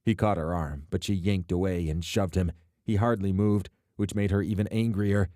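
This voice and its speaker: A man reading a romance novel aloud as narrator, steady and even, close to the mic. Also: low voice, normal speed, dry recording. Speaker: audiobook narrator. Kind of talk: scripted narration.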